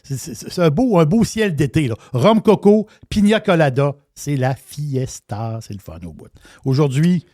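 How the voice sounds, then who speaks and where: A man's voice: on the high side, animated, unhurried, warm tone, no echo, clean studio sound. A middle-aged man with a Québécois accent, chatting casually as a radio wine columnist, repeating words and using slangy phrasing. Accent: Québécois French.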